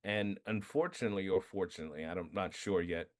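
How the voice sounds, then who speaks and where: A man being interviewed about his film, telling animated stories, acting out quotes and laughing often. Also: sits low, quick pace. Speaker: filmmaker guest. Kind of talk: casual interview storytelling.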